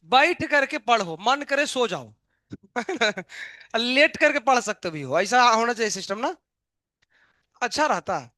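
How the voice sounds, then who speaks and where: A male chemistry teacher gives a live online lecture at an unhurried pace. His voice is bright and forward, close and dry on the mic. He jokes with the class and fires off questions, then answers them himself. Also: extremely high pitch, big pitch swings, no room sound. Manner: playful, joking, asks students questions then answers himself.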